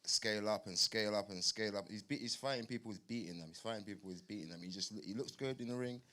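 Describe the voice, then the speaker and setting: A man talks in a lowish voice at a boxing press conference. He is informal and playful, often repeating a phrase for effect. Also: fast, bright, forceful tone.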